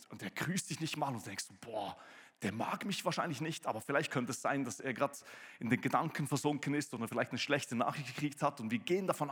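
A man preaching a sermon in a lively, conversational way, getting louder and more excited as he goes. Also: mid-range voice, husky. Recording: long reverb of a hall.

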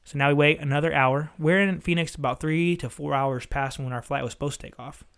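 A young man, telling a story in casual chat. He is animated and profane, acting out both sides of each exchange. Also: on the high side, brisk, creaky, clean tone. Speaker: podcast host.

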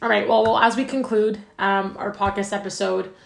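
A woman hosting a podcast in a relaxed, effusive way, with frequent fillers. Her mid-range voice carries a gravelly fry. The room around her adds a noticeable echo. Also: mid-range voice, normal speed. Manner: chatty and effusive, many fillers. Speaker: podcast host. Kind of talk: casual interview chat. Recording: roomy echo.

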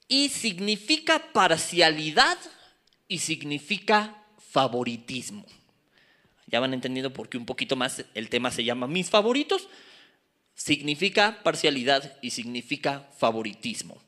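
A male preacher, teaching scripture in an animated, joking way. His voice sits high and swoops widely through each phrase. The tone is bright and forceful. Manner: animated, joking, asks the crowd to repeat. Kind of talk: lively preaching to a youth congregation.

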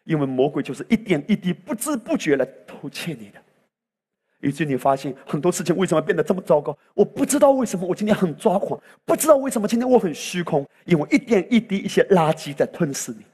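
Here the pastor's voice is high-pitched, sing-song, and fast, mellow with a breathy edge. He delivers an impassioned sermon that swells into exclamations, recorded amid the reverberant sound of a church hall.

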